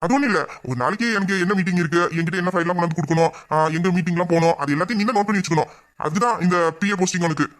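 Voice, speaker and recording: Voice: mid-range voice, rapid-fire, natural voice. A performer voicing a teasing young man, a bossy boss and doting suitor, in an audio drama. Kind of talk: Tamil audio drama acting.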